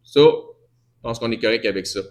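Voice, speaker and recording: A man's voice: on the low side, normal speed, lo-fi sound. A man with a Québécois accent giving a teaching sermon in a conversational way, often restarting and correcting himself and answering questions from the congregation. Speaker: preacher.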